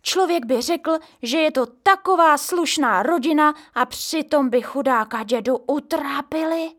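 A woman's voice: high voice, voice pushed up, close to an everyday voice. A woman voicing a nosy, gossiping neighbor lady in a storybook reading, scolding and indignant.

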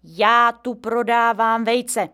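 A woman voicing a gentle, forgetful old grandfather in a storybook reading, speaking slowly and loudly. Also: medium pitch, lightly acted. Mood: plaintive.

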